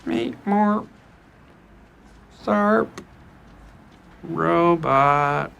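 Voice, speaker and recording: Stiff, jokey robot impression by a man, raised and bright, deliberately bad. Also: on the high side, gravelly, clear, resonant tone, highs cut off, full character voice. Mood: mechanical mocking. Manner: mocking, clumsy robot voice done for a joke. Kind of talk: sitcom acting.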